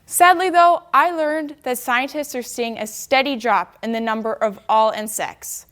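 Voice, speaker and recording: A woman's voice: fairly high pitch, a little slow, fairly bright tone. A young woman giving a prepared contest speech, with a stiff, rehearsed delivery that sounds memorized.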